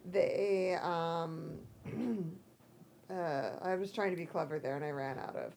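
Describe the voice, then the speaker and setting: An American woman talks in a casual, candid podcast style. Her voice is hoarse and croaky with allergies and heavy with creak. She pokes fun at herself and speaks saltily. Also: on the low side, slow, darkish tone, a little hiss or hum. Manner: self-deprecating, candid, salty. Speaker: podcast co-host. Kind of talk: casual chat.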